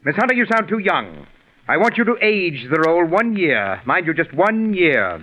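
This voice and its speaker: An actor playing a pompous, coldly sarcastic, tyrannical radio director in 1940s radio drama style, with a haughty, deliberate, condescending manner. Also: male voice, high voice, sing-song, pushed and bright, exaggerated voice. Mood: exasperated. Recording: muffled, phone-thin 1940s radio recording.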